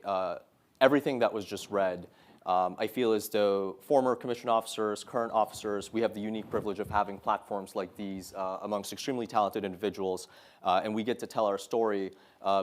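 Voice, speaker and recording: Addressing a live audience in a lecture room, a Saudi Marine officer in his thirties gives a guest talk in a slightly low voice. He comes across as earnest and measured, and it doesn't sound scripted, with pauses often filled by "uh" and "um."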